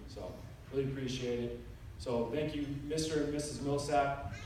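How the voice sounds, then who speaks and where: A young man delivers a best man's wedding toast in a casual, halting, joking style. His voice rings around a big reverberant room and is caught from a distance, with plenty of background noise. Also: mid-range voice, fairly even intonation, a little mellow. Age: 20s. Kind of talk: wedding toast, informal speech. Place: large room at a wedding reception with guests. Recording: echoey noisy hall, picked up from far off.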